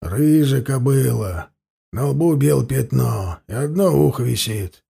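A blustering, hot-tempered peasant robber from an audiobook, as a male reader puts him on, his gravelly voice lurching up and down as he protests. the timbre stays husky and dark even when he shouts back. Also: mid-range voice, a little slow, exaggerated voice. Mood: confessing. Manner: blustering, indignant.

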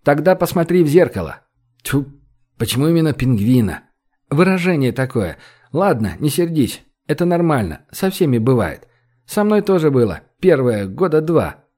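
A wry young joker banters with his friends, voiced by a male audiobook reader. His voice sits fairly high, with a teasing lilt. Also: sing-song, moderate pace, darkish tone. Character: teasing, joking young man, team captain.

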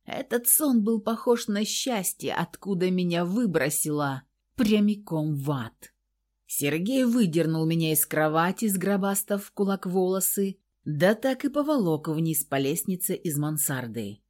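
A woman's voice: lowish voice, expressive, a little slow, a little mellow. A woman reading a first-person audiobook in a tense, intimate manner. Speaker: audiobook narrator.

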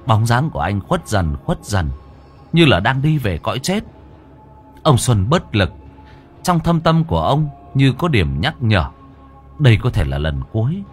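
A man narrating a ghost story in a dramatic, expressive way. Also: mid-range voice.

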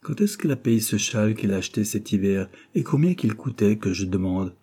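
A man's voice: on the low side, animated, brisk, warm tone, husky. A man voicing an angry, gossiping working-class landlady who scolds indignantly, in an audiobook reading. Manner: indignant, scolding, breathless storytelling.

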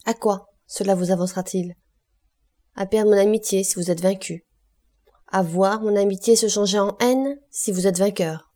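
A woman's voice: medium pitch, fairly even intonation, moderate pace, warm tone, lightly acted. A woman reading the part of a steadfast young woman in love, earnest and emphatic, in an audiobook. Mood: pleading.

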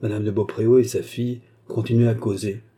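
A man narrating a classic novel in a steady, measured literary reading. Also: fairly low pitch, husky. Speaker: audiobook narrator. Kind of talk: scripted narration.

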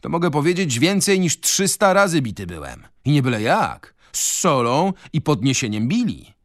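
A man's voice: fairly high pitch, very animated, moderate pace, dry recording, studio quality. Man voicing an old official who preaches the rod. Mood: moralizing. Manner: garrulous, moralizing, folksy. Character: old male official, gruff believer in beatings. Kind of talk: radio reading of a novel.

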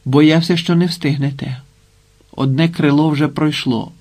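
A man's voice: a little high, steady tone, measured pace, darkish tone. A man reading the lines of a commanding Cossack leader in an audiobook.

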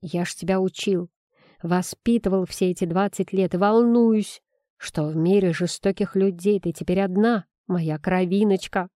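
A woman's voice: mid-range voice, steady tone, normal speed, dark tone, no room sound, studio quality, close to an everyday voice. A woman voicing a plump, melodramatic male magic chipmunk who squeals, whines and huffs. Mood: whiny. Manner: squealing, whiny and huffy.

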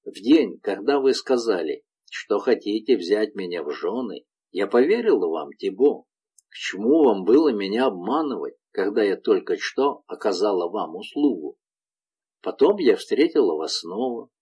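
A man reading aloud voices a frightened, gentle young village woman in a tender, pleading manner. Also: fairly low pitch, very animated, moderate pace, husky.

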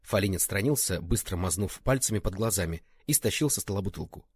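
Husky-voiced man narrating a story. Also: deep voice, expressive, fairly quick, dry recording, studio quality. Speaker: audiobook reader. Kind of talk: scripted narration.

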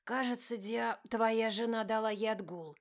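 A woman's voice: medium pitch, normal speed, lightly acted. A woman voicing an easygoing male friend who teases offhandedly and turns defensive. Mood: teasing.

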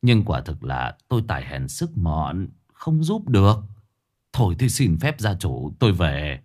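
A man playing a weary, resigned old male exorcist who talks slowly and gravely. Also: deep voice, big pitch swings, darkish tone, pitched below the performer's own voice, heavily acted. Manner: slow, apologetic, grave.

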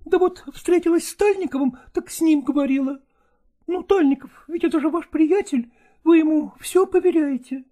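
A male audiobook reader voicing an impulsive, eager young actress who talks in excited, pleading exclamations. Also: very high voice, moderate pace, voice pushed up. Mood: pleading, lively.

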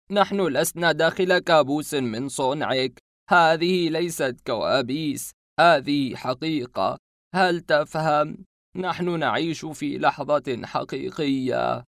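A cornered masked stranger, voiced by a male narrator, pleads in a slow, trembling voice, stretching every word. His pitch sits a little higher than usual and he pushes hard on each phrase. The recording is close and dry, with no room around him. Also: no room sound, lightly acted. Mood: fearful, insistent. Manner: slow, insistent, shaky.

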